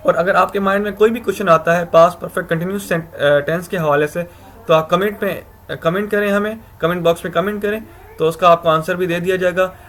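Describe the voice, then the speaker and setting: A man's voice: high-pitched, fairly even intonation, fast talker, fairly bright tone. Man teaching grammar, self-correcting lecturer. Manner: explains step by step, asks himself questions, self-corrects with "sorry". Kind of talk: recorded video lecture.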